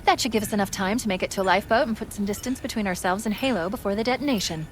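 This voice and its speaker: A woman voicing a quick-witted, wry AI companion in a video game, crisp and assured. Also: medium pitch, noisy background, lightly acted. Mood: wry, brisk. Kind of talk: cinematic game acting.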